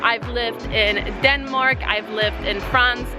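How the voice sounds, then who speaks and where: A woman's voice: fairly high pitch, steady tone, slow, reverberant, music in the background. A young woman vlogger from Poland, chatting casually and rambling to the camera. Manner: chatty, rambling, self-questioning. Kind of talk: casual vlog chat. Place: outdoors walking, then at home.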